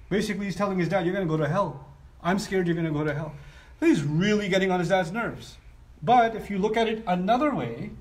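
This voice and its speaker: A man teaching a structural lesson on scripture, animated and often voicing the speakers of the story as he explains. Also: a little high, distant mic. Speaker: Quran teacher. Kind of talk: lecture on scripture. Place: broadcast live online.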